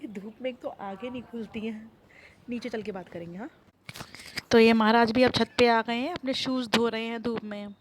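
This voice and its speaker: Young woman, sore throat, slow soft talk, slightly high voice, casual home vlog, handheld phone, faint background noise. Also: fairly even intonation. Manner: speaks slowly and softly. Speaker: vlogger. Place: sunny rooftop, outdoors.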